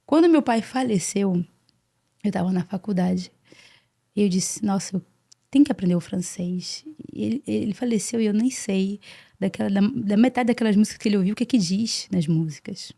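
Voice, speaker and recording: This is a gravelly, fry-tinged Brazilian woman in her forties, a podcast guest who recounts her life in an earnest, animated way. Her voice is dark and mellow, and she keeps repeating words as she talks. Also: mid-range voice, moderate pace. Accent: Brazilian Portuguese. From Brazil (Salvador, Bahia). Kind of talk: casual interview storytelling.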